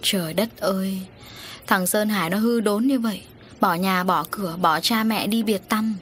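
A woman's voice: mid-range voice, moderate pace, fairly bright tone, slight background noise, close to an everyday voice. Despairing grieving mother, read by a woman. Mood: sorrowful lament. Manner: lamenting, sorrowful. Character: grieving middle-aged mother, tearful and despairing.

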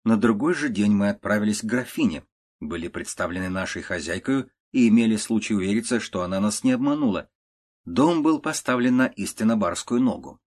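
A man narrating a classic prose story in a measured, even audiobook reading. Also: fairly low pitch.

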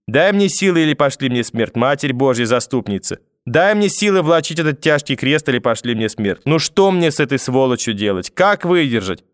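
A man's voice: medium pitch, fast, few pauses, no echo, clean studio sound, natural voice. A man voicing a hysterical, furious old grandmother who screams threats and wails prayers. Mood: wailing prayer.

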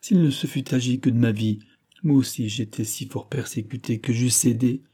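Man reading as a young noblewoman, passionate, pleading, dark husky voice, audiobook. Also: mid-range voice, steady tone, moderate pace, close to an everyday voice. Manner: impassioned, pleading.

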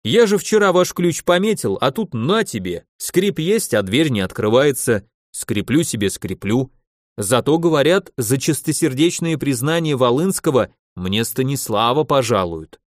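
A man's voice: mid-range voice, big pitch swings, moderate pace, no echo, clean studio sound, close to an everyday voice. A man voicing a proud, jovial old-school hussar colonel in an audiobook, with a theatrical, boastful manner. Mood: chatty.

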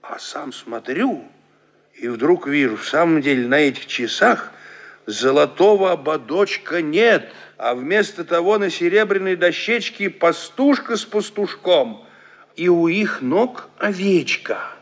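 A man reading a story aloud in the first person, with expressive storytelling. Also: on the high side, unhurried. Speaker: reader.

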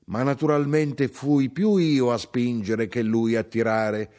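A man reading aloud voices an older Sicilian mother who is brisk, proud and sharp-tongued, lifting his voice for her. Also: natural voice. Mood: proud, emphatic. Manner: animated, raised pitch for the mother's lines.

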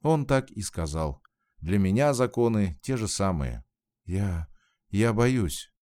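A man reading aloud, voicing a frightened young woman who is near tears, raising his low voice as she pleads in a halting way. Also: big pitch swings, a little mellow. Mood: anxious.

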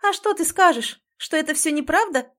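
A woman voicing a furious young woman who shouts through tears and stammers. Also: animated, normal speed. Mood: furious, tearful. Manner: shrill, stammering. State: crying, screaming.

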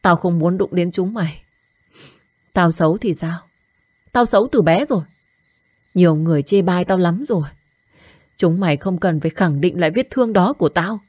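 A woman plays a hard, coarse young woman with a rough, bitter edge, talking fast and cutting. Her voice sits low and the sound is dry and close. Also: darkish tone, dry recording, close to an everyday voice.

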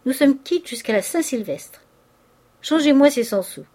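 A woman's voice: high voice, expressive, measured pace, dark tone, voice pushed up. Woman doing a young man, proud student, curt, defiant, audiobook novel. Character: proud, poor young male law student. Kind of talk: audiobook character reading.

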